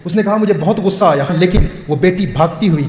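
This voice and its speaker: High-voiced preacher in an echoing hall. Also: male voice, darkish tone, slight background noise. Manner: repetitive, heartfelt phrasing. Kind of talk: emotional sermon storytelling. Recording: echoey hall with long reverb.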